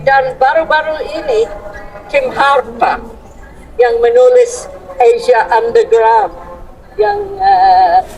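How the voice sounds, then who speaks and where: Older female foreigner speaking Indonesian, foreign accent, stiff and halting, slow semi-formal address, rather high voice. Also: vocal fry, a little mellow, rough recording. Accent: foreign, non-Indonesian. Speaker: author and translator speaking at a book discussion. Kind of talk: prepared thank-you speech, semi-formal.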